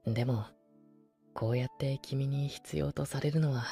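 A male actor playing a gentle, devoted supernatural young man in an ASMR role-play of intimate bedside pillow talk, soft and hesitant. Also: fairly high pitch, lively intonation, takes it slowly, soft background music. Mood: tender, affectionate. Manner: soft, tender, breathy, hesitant.

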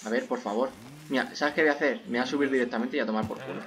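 A young man with a Spain Spanish accent giving casual gameplay commentary, swearing freely and bursting into shouts. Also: medium pitch, steady tone, rapid-fire, slight background noise. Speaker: gaming youtuber.

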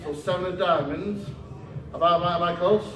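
Chatty magician in an echoey hall. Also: male voice, high-pitched, brisk. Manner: chatty, self-deprecating, stumbling restarts. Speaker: stage magician. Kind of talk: live stage patter with audience. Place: small stage hall with curtain. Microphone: distant camera, no mic. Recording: roomy hall echo, voice from far off.

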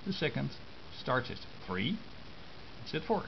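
This Dutch man's mid-range voice is sing-song with a touch of vocal fry as he casually works through his hand-drawn diagrams step by step. Speaking haltingly in short phrases, the amateur radio hobbyist is recorded by a compact camera's built-in mic, which sounds muffled and hissy.

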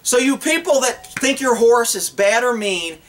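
Speaking at an unhurried pace in a raised, high voice, a middle-aged horse trainer and vlogger gives unscripted instruction to the camera out on open rural land. His delivery is folksy, animated and blunt, and he acts out imagined dialogue as he goes.

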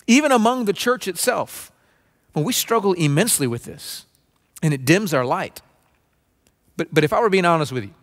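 A man in his forties preaching a sermon from a stage, earnest and conversational, often restarting phrases and mimicking a low grumble. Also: a bit bright. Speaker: pastor. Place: dim stage with spotlights, seated at small table.

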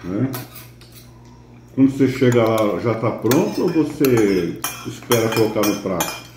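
A man's voice: on the low side, expressive, unhurried. A man chatting casually at home, asking a small child simple, curious questions. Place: indoor home kitchen. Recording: echoey kitchen, faint dish noise.

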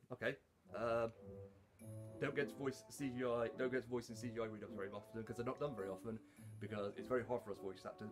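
A man talks casually about his voice acting in a somewhat low voice. He rambles and pokes fun at himself. Faint music plays behind him. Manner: chatty, self-deprecating, rambling. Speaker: fan voice actor. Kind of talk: casual explanation to camera.

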